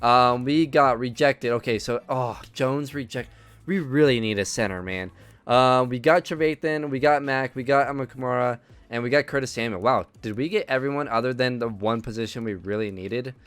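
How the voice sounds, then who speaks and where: A man's voice: mid-range voice, moderate pace, a bit bright, clean tone, dry recording. A man giving casual gameplay commentary, thinking aloud with many ums and uhs. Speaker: video game commentator.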